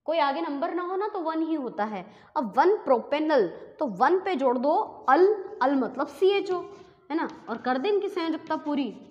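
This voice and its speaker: High-voiced woman teaching chemistry, echoing. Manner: explains step by step, asks and answers her own questions; uses the tag 'है ना' often. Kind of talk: classroom lesson. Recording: dull, lo-fi recording with long reverb.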